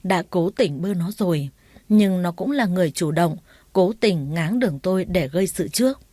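A woman reading a first-person story aloud in a steady storytelling voice. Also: fairly low pitch, normal speed, no room sound. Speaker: narrator. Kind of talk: audiobook story narration.

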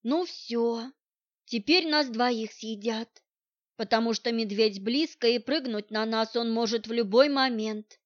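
A stern woman of the forest, as a female reader plays her snaps short orders in a fairly high voice. The audiobook recording is dry and slightly dull. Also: unhurried, no echo, lightly acted. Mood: curt. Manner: curt, commanding. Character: stern forest-dwelling woman who commands a bear.

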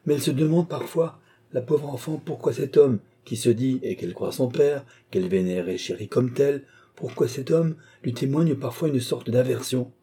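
A man voicing a long-suffering wife and mother who stands up to her husband, in a dark, husky voice raised a little above his own. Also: medium pitch, lively intonation, normal speed, voice pushed up. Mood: indignant. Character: wife, a resigned mother, now defiant, a woman of middle age.

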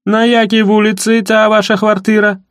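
A man voicing a hoarse, mocking young village bully with Ukrainian-mixed speech. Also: high-pitched, level tone, moderate pace, fairly bright tone, dry recording, clean studio sound, pitched above the performer's own voice. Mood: menacing. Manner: mocking, taunting village dialect.

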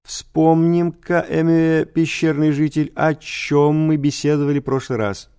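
A man's voice: a little high, little pitch movement, unhurried, a little mellow, clean tone, voice pushed up, lightly acted. A man voicing a good-natured old male history teacher who mumbles, lisps and fills his speech with "uh, er". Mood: teasing. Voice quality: mumbling, lisping, full of "uh, er" fillers. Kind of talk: audiobook character voice.

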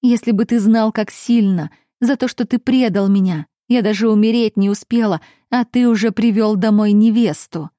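An anguished young heroine of an audiobook romance, as a woman narrator plays her. Her raw voice breaks with emotion. It is warm and mellow in tone, recorded dry with no room echo. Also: mid-range voice, measured pace, natural voice. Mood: furious, tearful.

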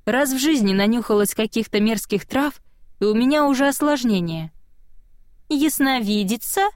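A woman's voice: on the high side, lively intonation, a little fast, a little mellow, no room sound. Female audiobook narrator, first person, dry close studio sound.

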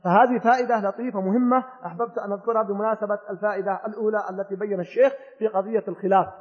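A man's voice: sits high, steady tone, very fast, slightly rough. Emphatic older man teaching in echoing hall. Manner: emphatic, repeats key phrases, acts out people's sayings. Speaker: sheikh teaching a fiqh text. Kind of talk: classical Arabic lesson with colloquial asides. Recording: dull recording in a reverberant hall.

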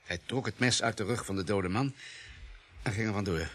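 Speaking at a moderate pace in a lowish, fairly bright voice close to his everyday tone, a man acts as a matter-of-fact police pathologist in a radio drama. Clinical and assured, he reconstructs murders coolly, with precise, analytical care.

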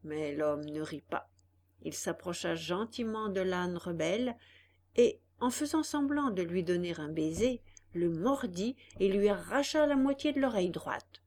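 A woman narrating a children's story aloud in a lively, expressive reading. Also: lowish voice, measured pace. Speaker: audiobook narrator.

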